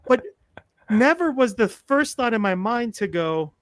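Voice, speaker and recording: Podcast guest, man in his 40s, high voice, dry close sound, animated self-mocking storyteller. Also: measured pace, dry recording. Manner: animated, self-mocking humor, acts out quotes. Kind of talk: casual storytelling chat.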